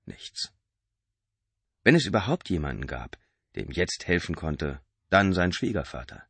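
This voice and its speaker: A man narrating an audiobook in a tense, expressive reading. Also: low voice, normal speed, breathy edge, no echo. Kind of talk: scripted narration.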